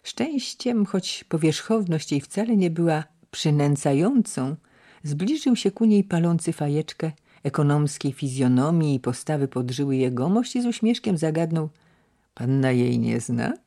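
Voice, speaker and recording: A man narrating a classic novel in a measured, even reading. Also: fairly high pitch. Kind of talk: audiobook narration.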